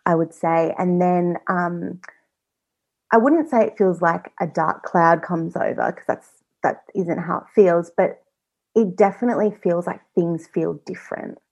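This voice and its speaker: On a slightly dull, lo-fi podcast recording, a female guest chats casually in a personal interview, using plenty of fillers and often quoting what she was thinking. Her fairly low voice is gravelly and a touch mellow, and she keeps a measured pace.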